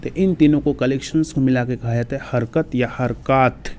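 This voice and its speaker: A man's voice: mid-range voice, steady tone, moderate pace, warm tone, slight background noise. A male teacher giving an exam-prep grammar lesson, patiently explaining step by step and reciting lists of letters.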